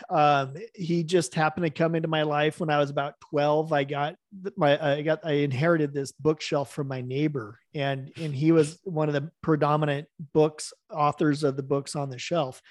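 A man as a podcast guest, telling stories in a casual, animated way and acting out the dialogue. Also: on the high side, normal speed, dry recording, studio quality. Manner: animated, acts out quoted dialogue with laughs. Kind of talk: casual storytelling interview.

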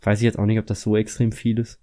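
A man's voice: lowish voice, monotone, quick pace, warm tone. A young man chatting casually, rambling with lots of filler words. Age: young adult. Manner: rambling, many fillers like "so" and "halt". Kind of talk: casual chat.

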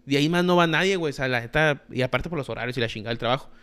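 Fast, smooth-voiced Mexican man arguing. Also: mid-range voice, a bit bright. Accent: Mexican Spanish. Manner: insistent, argues his point repeatedly. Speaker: podcast co-host. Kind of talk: casual chat about soccer.

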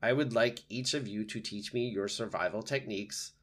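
A man voicing a polite, emotionless female robot in an animal story, speaking in a measured, formal way. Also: fairly low pitch, a bit bright. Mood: calm, neutral.

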